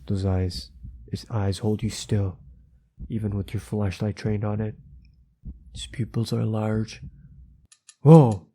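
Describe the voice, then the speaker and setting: A man reading a second-person horror story aloud, quickly and with stumbles and nervous asides to his viewers. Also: fairly low pitch, level tone, dark tone.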